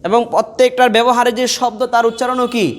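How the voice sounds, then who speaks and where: A man's voice: extremely high pitch, flat delivery, brisk, fairly bright tone. A man teaching Quran reading in a classroom, quizzing his students with questions and drilling letters by repetition. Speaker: Quran teacher and mosque preacher. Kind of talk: classroom lesson. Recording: reverberant hall.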